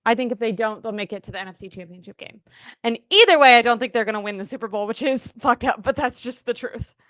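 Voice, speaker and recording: Bright, upbeat woman chatting about football. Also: fairly high pitch, fast talker, no room sound. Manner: chatty, upbeat, self-deprecating. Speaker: co-host. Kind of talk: casual sports chat.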